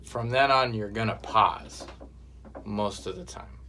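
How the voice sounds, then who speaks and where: A man giving a patient one-on-one piano lesson, calling out pauses and repeating his instructions. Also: lowish voice, heavy background noise. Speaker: piano teacher. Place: room with a piano. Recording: distant mic with loud piano playing.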